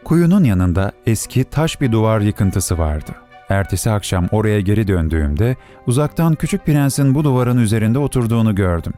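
A man reading a story aloud as narrator, in an expressive, melodic storytelling manner. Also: lowish voice, normal speed, soft background music.

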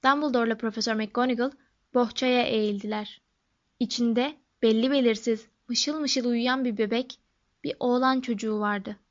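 A woman reading a storybook aloud as its narrator, in a steady, expressive way. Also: fairly high pitch. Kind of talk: audiobook narration. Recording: dull lo-fi recording.

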